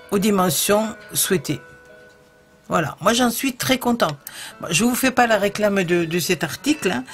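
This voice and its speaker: A woman with a southern French accent walks viewers through a craft project in a casual, chatty way. She hesitates often and leans on little fillers as she works. Faint music plays softly behind her. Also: medium pitch. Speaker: crafting video host.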